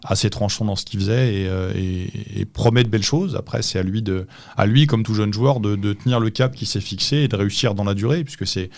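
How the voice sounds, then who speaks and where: Man, assistant coach, low voice, dry close sound, measured explanations, podcast interview. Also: gravelly, no echo.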